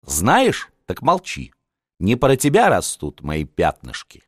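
A man's voice: on the low side, huge pitch swings, slow pace, husky, dry recording, studio quality, heavily acted. A man reading an audiobook, voicing a tipsy, mocking young tsarevna in a raised, playful voice. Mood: teasing. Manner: teasing, playful.

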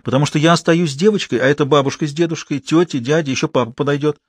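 A man's voice: fairly high pitch, racing, no room sound, voice pushed up, natural voice. A man doing an earnest young mother. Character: young mother fussing over her daughter.

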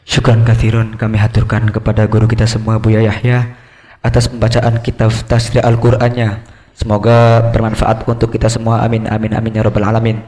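A man moderating a religious gathering, thanking the preacher and opening questions in a measured way. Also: on the low side. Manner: flat and measured. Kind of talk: formal announcing.

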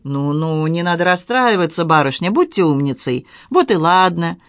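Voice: medium pitch, big pitch swings, normal speed, a bit bright, no room sound. Reader as an old servant, moralising and homely, in a dry studio read. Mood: lecturing. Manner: lecturing, homely. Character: old male servant Dixon, gruff and moralising.

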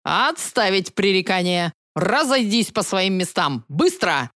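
Женщина изображает строгого юного надзирателя. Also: female voice, medium pitch, big pitch swings, unhurried, a bit bright, no echo, studio quality. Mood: commanding. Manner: commanding, barking orders. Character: stern young male warden.

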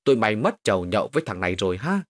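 A man playing a cocky, crude young drunkard who brags loudly. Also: very animated, rapid-fire. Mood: boastful. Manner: boastful, then shrill and panicked.

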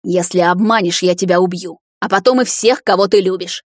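A woman voicing a cruel, scheming witch mother who snarls and mocks in a raised, sharp voice, in an audiobook. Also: mid-range voice, moderate pace, dry recording, clean studio sound, lightly acted. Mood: menacing scorn.

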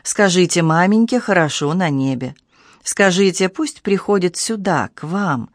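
A little girl's ghost piping her messages in a squeaky, childlike way during a storybook séance, as a woman narrator puts her on. The recording is dry and close. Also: expressive, measured pace, no echo. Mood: plaintive. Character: little girl's ghost speaking through a medium.

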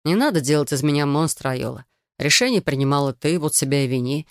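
A woman's voice: low voice, fast, no room sound, clean studio sound. A woman doing a smug self-justifying young man. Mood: defensive.

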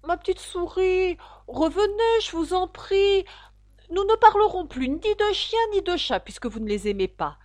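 Brief: polite, eager young girl, voiced by a woman, lively sing-song delivery, dry close mic. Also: a little high, unhurried, no room sound. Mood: pleading. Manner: earnest, breathless chatter.

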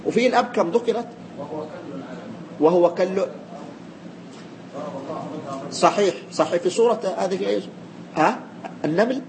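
High-voiced man teaching a class. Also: slight background noise. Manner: explains by repeating points and quizzing students. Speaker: teacher of religious law. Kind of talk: classroom lesson with student questions.

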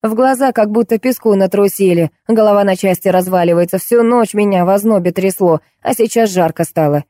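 A woman reading an audiobook, voicing a shrill, scolding middle-aged wife fed up with her drunk husband. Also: brisk, few pauses, warm tone, no room sound, clean studio sound, close to an everyday voice. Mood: complaining.

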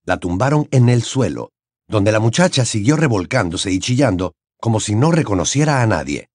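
A man reading a fantasy novel aloud as an expressive audiobook narrator. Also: fairly low pitch, moderate pace, breathy edge, dry recording, studio quality. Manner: expressive storytelling with wide intonation. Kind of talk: scripted narration.

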